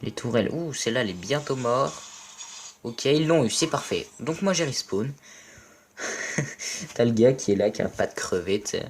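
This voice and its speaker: A young French man casually commentating a mobile game match, playful and excitable, joking and swearing at his teammates. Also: mid-range voice, moderate pace, long pauses, a little hiss or hum. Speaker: gaming video commentator.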